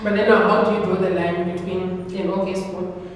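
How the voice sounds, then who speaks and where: A woman's voice: fairly low pitch, level tone, a little fast. A woman in a casual discussion, reasoning aloud and posing questions as she goes. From Zimbabwe. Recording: echoey reverberant room, distant mic, faint noise.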